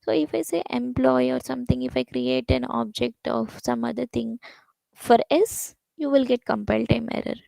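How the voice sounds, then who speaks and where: A woman programming instructor with a high, dark voice heavy in vocal fry teaches a lecture at a fast pace. She circles back with many restarts and fillers like "basically" and "like", and the recording is dry, close and rough, with no room sound.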